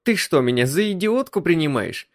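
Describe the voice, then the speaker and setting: A man voicing an agitated young wife in a high, squealing, indignant tone in an audiobook. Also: sing-song, normal speed. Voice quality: shrill. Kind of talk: audiobook reading.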